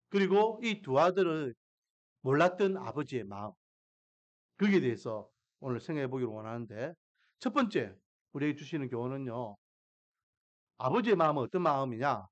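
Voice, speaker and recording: 생동감 있게 설교하는 남자 목사. 억양이 크게 오르내리고 인물을 연기하듯 이야기를 풀어가며 회중에게 묻는다. 먹먹한 저음질의 교회 녹음이다. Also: male voice, fairly high pitch, dull audio. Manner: animated storytelling, acts out characters, asks the congregation questions. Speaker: pastor. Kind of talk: sermon.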